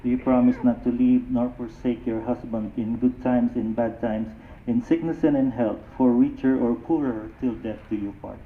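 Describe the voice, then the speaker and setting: A man officiating a wedding, putting formal vow questions in deliberate phrases. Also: mid-range voice, steady tone. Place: wedding ceremony, over a sound system. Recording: echoey, thin phone-like sound, faint noise.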